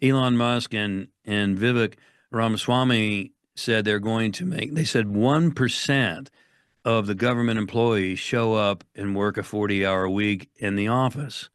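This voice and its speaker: A man's voice: lowish voice, unhurried, clean tone, dry recording. American guy preaching a bit on a podcast, dry sound. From United States. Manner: emphatic, preachy, quotes scripture. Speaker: guest. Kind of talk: conversational podcast talk.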